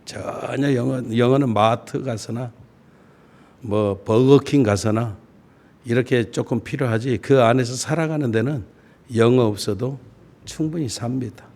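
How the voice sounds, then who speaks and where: A middle-aged man preaching a sermon as a pastor, folksy and self-deprecating, with slow deliberate phrasing that rises on key words. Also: mid-range voice, darkish tone. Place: church sanctuary.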